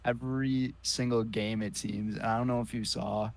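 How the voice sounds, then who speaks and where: Gravelly-voiced man in casual sports chat. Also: medium pitch, fairly even intonation, moderate pace. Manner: easygoing, joking, many fillers. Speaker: podcast co-host.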